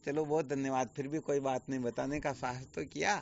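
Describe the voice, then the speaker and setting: A man's voice: medium pitch, fairly even intonation, brisk, creaky, slight background noise. A man acting as a spiritual teacher, giving a patient, explanatory online discourse full of rhetorical questions. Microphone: video call. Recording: dull lo-fi online call audio.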